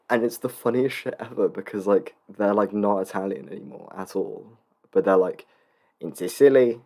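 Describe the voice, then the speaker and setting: A man's voice: deep voice, darkish tone. A man hosting a casual solo podcast, rambling and joking with lots of restarts. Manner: rambling, full of fillers and restarts, jokey asides. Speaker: podcast host.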